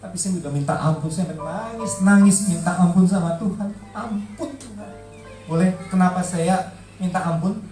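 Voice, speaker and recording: A man's voice: sits high, moderate pace, warm tone. A middle-aged man giving an emotional testimony at church, emphatic and heartfelt, repeating words for stress. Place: large church hall. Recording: echoey hall, distant mic, faint music.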